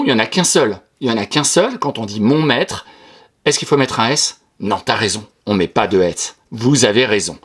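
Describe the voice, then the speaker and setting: A man teaching a class, correcting a pupil's written text line by line in an encouraging, sing-song way. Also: a little high. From France. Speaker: primary school teacher.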